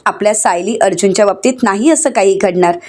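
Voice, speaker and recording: A woman's voice: medium pitch, a little fast, darkish tone, close to an everyday voice. A woman voicing a caring aunt who reassures firmly.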